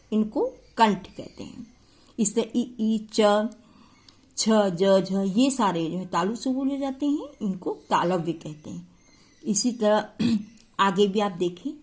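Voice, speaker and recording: A woman teacher explaining a school grammar lesson step by step to her pupils. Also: fairly high pitch.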